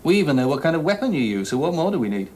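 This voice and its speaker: This is a brusque police inspector in a TV crime drama, and his voice rises and falls a great deal. He presses and needles the people he questions. Clear background noise runs under his lines. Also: on the high side, very animated, rapid-fire, a little mellow. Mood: probing. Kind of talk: British television drama acting.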